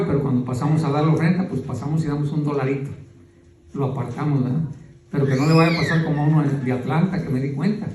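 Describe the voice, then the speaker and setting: A man's voice: fairly high pitch, mellow, slight background noise. A man, a pastor preaching a folksy sermon to his congregation, calling them brother. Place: church hall. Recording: echoey church from far off.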